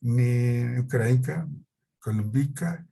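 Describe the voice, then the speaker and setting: A man with a foreign accent giving an academic presentation in a language that is not his native one, haltingly and searching for words. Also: mid-range voice, vocal fry, mellow, breathy edge. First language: not Russian. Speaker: conference presenter.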